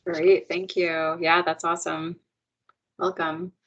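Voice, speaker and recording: A woman's voice: fairly low pitch, little pitch movement, slow pace. Chatty woman hosting a video call. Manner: upbeat, chatty, frequent fillers. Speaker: meeting facilitator. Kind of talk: casual video meeting chat. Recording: dull, muffled video call audio.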